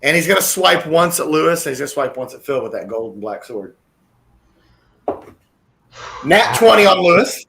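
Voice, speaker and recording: A man's voice: fairly high pitch, expressive, quick pace, gravelly, sharp tone, slight background noise. A man running a tabletop game as dungeon master, talking casually and swearing freely.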